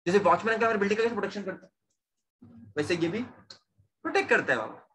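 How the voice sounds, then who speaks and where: A man's voice: high voice, expressive, fast talker, a bit bright. A young man teaching a science class, repeating questions to his students and mixing in English terms. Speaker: science tutor. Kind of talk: online class lecture.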